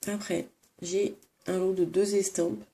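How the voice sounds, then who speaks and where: A woman's voice: lowish voice, level tone, a little slow, gravelly, noisy background. A sick, sniffling woman in a room at home, casually showing craft supplies with many hesitant fillers and self-corrections. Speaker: crafts vlogger. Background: crinkling plastic bags.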